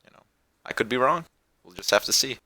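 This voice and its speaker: Lively, bright-voiced male podcast host. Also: mid-range voice, brisk, no room sound. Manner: loose, rambling talk that turns upbeat when plugging the show. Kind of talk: casual chat.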